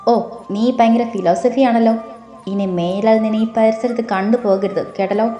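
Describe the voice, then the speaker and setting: A woman's voice: fairly high pitch, fairly even intonation, normal speed, warm tone, dull audio, lightly acted. A woman voicing a jealous young woman who taunts her rival with open hostility. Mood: spiteful. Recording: roomy with faint music.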